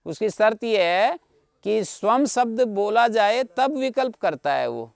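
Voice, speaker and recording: High, smooth-voiced male teacher. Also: lively intonation, a little slow, dry recording, studio quality. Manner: patient, repeats points, checks understanding with listeners. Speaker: Sanskrit grammar teacher. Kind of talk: explanatory lecture. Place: online video class.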